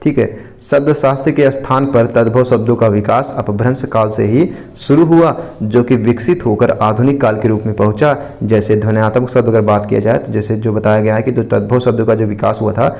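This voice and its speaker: A man's voice: on the low side, fairly even intonation, a little fast, gravelly, few pauses, a little mellow. A man, explaining and revising an exam answer in a repetitive teaching manner. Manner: explanatory, repeats points with frequent "ठीक है".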